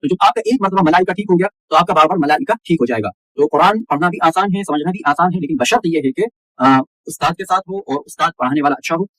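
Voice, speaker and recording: A man teaching Qur'an recitation step by step. He spells out the letters and vowel marks, then recites in a slow drawn-out chant, and firmly corrects common mistakes. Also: a little high, a bit bright, no room sound, low-quality recording.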